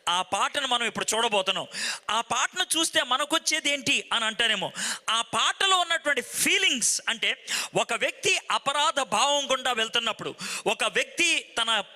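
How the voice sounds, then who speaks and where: A man's voice: extremely high pitch, animated, moderate pace, sharp tone, long reverb tail. A man preaching a sermon as a dramatic storyteller, now and then slipping into English phrases.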